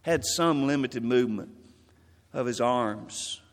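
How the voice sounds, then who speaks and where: A man preaching a memorial sermon in a church, earnest and measured, quoting scripture. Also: medium pitch, long reverb tail. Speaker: pastor.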